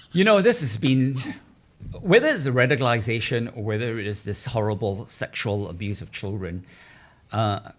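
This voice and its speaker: A man speaking as a talk show panelist, giving earnest commentary and urging listeners on. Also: medium pitch. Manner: earnest, exhorting.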